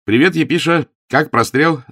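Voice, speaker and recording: A man's voice: fairly low pitch, moderate pace, fairly bright tone, no echo, clean studio sound, voice pushed up. A man reading an audiobook voices a cheerful young secretary who talks in a hearty, breezy way. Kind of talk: audiobook character voice.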